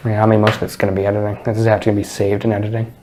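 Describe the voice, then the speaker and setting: A man co-hosting a casual movie chat, playful and teasing, quick to joke. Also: fairly low pitch, monotone, background noise. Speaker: podcast co-host.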